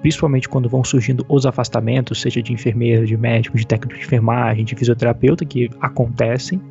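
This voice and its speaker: A man in his thirties, an ICU doctor, explaining things in a measured way during an interview heard over a phone line. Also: medium pitch, fairly even intonation, gravelly, warm tone, soft background music. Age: 30s. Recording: dull, muffled phone call audio.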